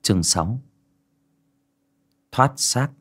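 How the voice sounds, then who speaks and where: Male horror audiobook narrator, low voice with a lively, rising-and-falling delivery, measured and dramatic. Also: husky.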